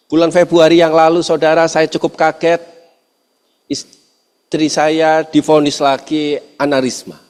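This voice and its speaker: Pastor in a reverberant hall. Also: male voice, a little high. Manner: addresses the congregation often, shifts between lively and hushed. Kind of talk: storytelling sermon.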